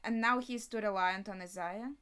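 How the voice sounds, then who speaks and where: A woman's voice: medium pitch, normal speed, fairly bright tone, smooth. A woman hosting a reaction video, giving casual running commentary while she watches an episode and thinking aloud in short questions and asides.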